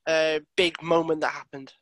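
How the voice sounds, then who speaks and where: A man's voice: on the high side, little pitch movement, moderate pace, a bit bright, no echo, poor audio. A man hosting a podcast, introducing his guest and asking eager questions. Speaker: podcast host. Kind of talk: podcast interview.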